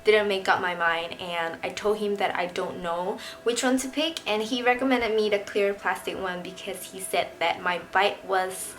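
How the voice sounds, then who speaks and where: A woman's voice: mid-range voice, normal speed, few pauses, fairly bright tone, a little hiss or hum. Young woman chatting casually in a vlog. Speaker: vlogger. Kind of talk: casual chat to camera.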